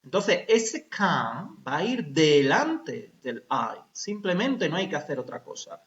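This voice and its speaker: A man teaches English to adults, his voice high and swinging up and down as he explains. He checks constantly that the class is following and slows down to model example sentences. The recording is roomy and a bit muffled. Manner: lively, explains step by step with frequent checks like ¿vale?. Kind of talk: recorded grammar lesson for adults.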